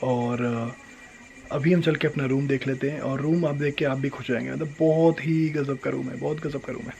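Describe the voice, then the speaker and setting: A young man, a travel vlogger, excitedly showing off a homestay room at night and slipping English phrases into his talk. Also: mid-range voice, normal speed, vocal fry, a little hiss or hum, low-quality recording. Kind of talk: casual vlog walkthrough.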